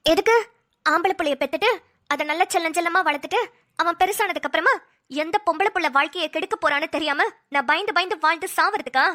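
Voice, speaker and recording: A woman voicing a polite, pregnant young wife in a cartoon, who speaks quietly and meekly. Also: extremely high pitch, quick pace, a little hiss or hum. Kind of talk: cartoon voice acting.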